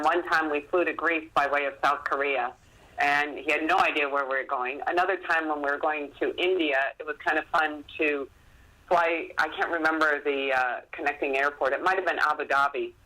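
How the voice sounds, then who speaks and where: Her voice sits low, and the recording is rough. She's a middle-aged author chatting as a podcast interview guest, telling stories self-deprecatingly and bringing old exchanges to life as she retells them.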